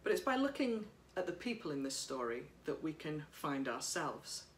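A woman priest giving a sermon at home, speaking in a gentle, reflective way while reading from notes, recorded by a camera across a room. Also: sits low, very animated, normal speed, reverberant, a little hiss or hum. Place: living room by a bright window.

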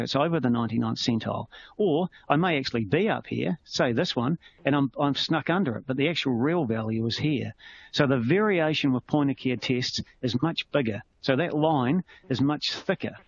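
Speaking in a gravelly, mid-range voice, a New Zealand-accented clinician leads a medical webinar in a conversational style, using everyday analogies to teach. The recording sounds a bit muffled and carries faint noise.

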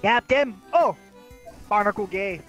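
A young player joking loudly and crudely with friends over voice chat while gaming. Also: mid-range voice, animated, measured pace, soft background music. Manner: loud, joking, crude, hams it up. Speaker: gamer in voice chat. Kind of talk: casual gaming banter.

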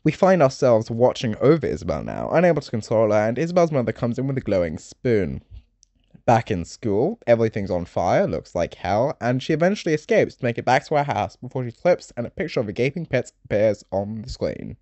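A young man in his late teens narrating a game summary video essay, chatty and full of joking asides with dark humor. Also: medium pitch, very animated, fairly quick, no echo, dull audio.

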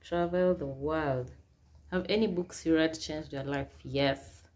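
A young Kenyan woman in her twenties, speaking with a Kenyan accent in a low, darkish voice at a measured pace, chats through get-to-know-me questions for her YouTube Q&A vlog. She reads each question aloud, answers it, and sprinkles in Swahili phrases. She's seated against a plain wall in a small indoor room.

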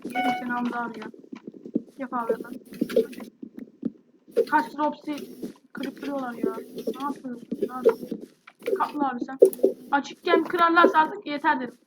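A woman with a high-sitting voice and a sore, irritated throat speaks at a moderate pace, pausing often, amid heavy background noise. As a gaming YouTuber, she chats casually through gameplay and talks directly to viewers.

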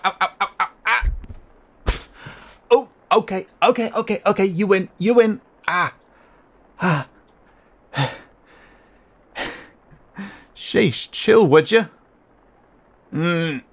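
Sitting high and a bit bright, this man's heavily acted performance of a cheeky, skittish young raccoon boy is all panicked protest, as he mutters, grumbles and sputters sarcastic objections in an audio roleplay.

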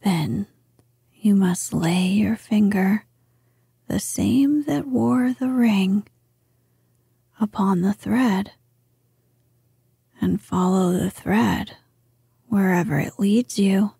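A woman's voice: mid-range voice, gravelly, breathy edge, no room sound, exaggerated voice. A woman whispering as a wise old grandmother. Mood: gentle assurance. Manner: slow hushed whisper. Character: ancient wise grandmother lady, gentle and calm. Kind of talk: whispered storybook reading.

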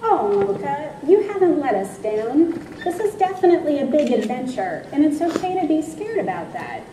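A woman's voice: high-pitched, big pitch swings, normal speed, mellow, recorded from a distance, a little hiss or hum. A woman playing a patient, kindly mother pony in a live amateur stage skit, talking reassuringly. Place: on stage in a convention ballroom. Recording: echoey hall from afar, crowd sounds.

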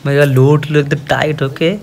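A man's voice: a little high, flat delivery, brisk, vocal fry, darkish tone, slight background noise. A man hosting a gaming channel, casually explaining his gameplay to viewers.

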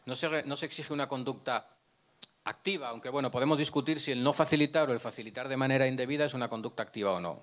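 This prosecutor's conference talk is a slide lecture delivered through a handheld mic in an indoor conference room. He speaks fast at medium pitch, explaining as he goes, asking and answering his own questions and often starting over.

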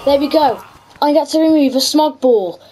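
A woman's voice: high-pitched, moderate pace, warm tone, a little hiss or hum. A woman giving chatty, casual gameplay commentary as host, reacting aloud to the game. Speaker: gaming video host. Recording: music behind the voice. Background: background music.

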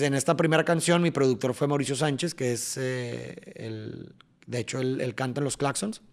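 A young man with a Mexican accent appears as a podcast guest, explaining things casually and with animation. His voice is medium-pitched, and now and then he taps out rhythms.

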